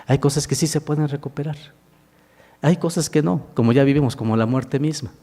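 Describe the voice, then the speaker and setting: A man's voice: a little high, a little fast, warm tone. A man, preaching a sermon as a minister and asking the congregation questions as he goes. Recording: long hall reverb.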